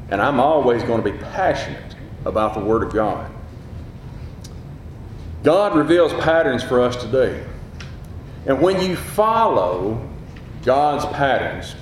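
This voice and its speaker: In a very echoey hall, a man preaches a sermon in a gruff, booming voice, passionate and emphatic with rising peaks as he drives home his main points. A faint low rumble of noise lies beneath the heavy reverb.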